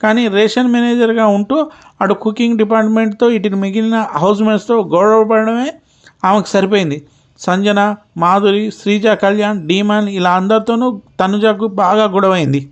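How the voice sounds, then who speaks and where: High, smooth-voiced man recapping a show. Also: moderate pace, dull audio. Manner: steady storytelling, retells quarrels in reported form. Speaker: YouTube channel host. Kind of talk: narrated reality-show recap.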